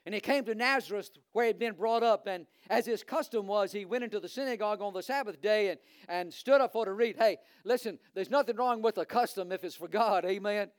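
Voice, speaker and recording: A visiting preacher from Virginia, Virginian accent and high-pitched voice, moves briskly through his sermon with hardly any pauses. He's fervent, climbing toward emphatic repetition and leaning on frequent "uh" fillers, and no room sound is audible.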